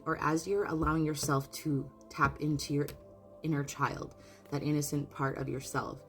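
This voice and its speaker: A woman giving a casual spoken oracle card reading, earnest and openly emotional, often restarting her sentences. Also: low-pitched. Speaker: spiritual card reader.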